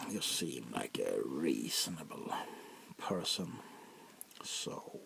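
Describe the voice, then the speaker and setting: In a soft-spoken ASMR roleplay, a man plays an arrogant, power-hungry vampire prince, condescending and heavily acted. His gravelly, rumbling low voice often sinks into whispers, with haughty dramatic pauses.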